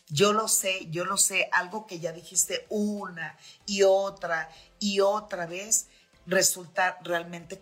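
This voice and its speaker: A woman's voice: on the low side, a bit bright, slightly rough. A middle-aged woman with a Mexican accent hosting a podcast, giving frank, chatty advice with many fillers. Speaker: host.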